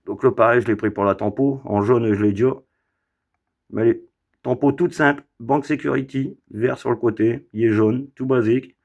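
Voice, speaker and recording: This casual unboxing vlog features a man with a mid-range, darkish voice, fairly even intonation and normal speed, showing off his toy car collection. His talk rambles along with plenty of fillers, asides and tag questions. The sound quality is slightly dull and lo-fi.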